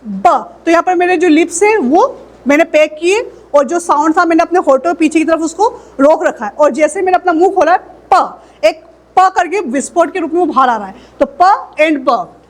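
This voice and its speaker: High-voiced woman teaching phonetics. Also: animated. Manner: explanatory, slow model words for repeating. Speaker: English teacher. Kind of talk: phonetics lesson.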